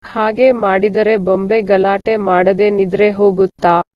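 A woman voicing an innocent, kind little girl who asks gentle, wondering questions. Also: mid-range voice, little pitch movement, a little slow, dry recording, close to an everyday voice. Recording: dull, muffled dry recording.

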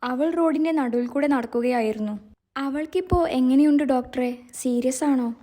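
Anxious, apologetic young man, read by a woman narrator; high, mellow tone. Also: moderate pace. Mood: earnest. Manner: apologetic, earnest pleading. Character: young man, anxious but kind driver.

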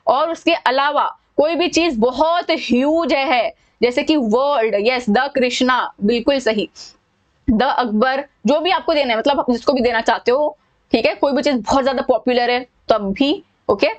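A high-voiced woman with an Indian accent teaches an exam-prep grammar lesson. She talks to her students in a chatty, informal way and keeps checking in with quick questions. Her voice stays bright and raised as she explains each point step by step. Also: muffled recording. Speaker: English teacher.

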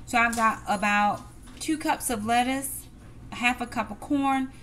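A woman's voice: a little high, a little slow, a bit bright, slight background noise. A middle-aged woman, chatting casually to viewers as she cooks in her home kitchen. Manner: chatty, talks to viewers as "y'all". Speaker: cooking vlogger. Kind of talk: casual cook-with-me narration. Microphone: camera on the counter. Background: clatter of dishes, pans and cutlery.

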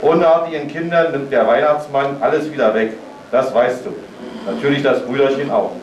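Man reading as a steady, strict papa in a storybook, heard from a distance in a roomy hall. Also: mid-range voice, fairly quick, a little hiss or hum, close to an everyday voice. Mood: stern. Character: calm, stern father of a small girl. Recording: roomy sound from far off.

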